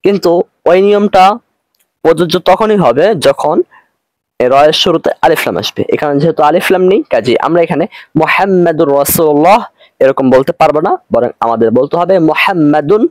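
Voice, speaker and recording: A man with a Bangladeshi Bengali accent and a fairly high, slightly mellow voice teaches Arabic grammar online. He is patient and repetitive, slowing down for every Arabic phrase, and there's no room sound.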